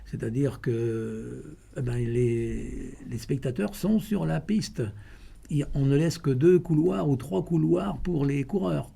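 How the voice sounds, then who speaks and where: A man with a mellow, husky voice and some gravel in it, answering informally in an interview. He tells his stories with halting starts and repeated words. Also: medium pitch. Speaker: president of a running club, interviewee.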